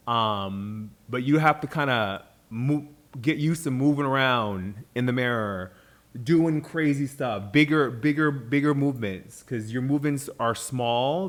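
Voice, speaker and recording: A man talking casually as he coaches someone on acting. He fills his talk with fillers and restarts, and his pitch sits in an ordinary middle range. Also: a little slow. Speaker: host teaching acting. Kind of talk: casual chat.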